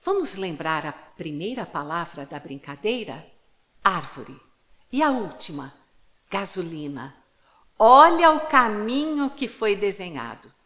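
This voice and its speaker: Slow, lively storyteller woman. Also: mid-range voice. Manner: clear, deliberate teaching with playful rhythm exercises. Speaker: storyteller and teacher. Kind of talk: video lesson on storytelling.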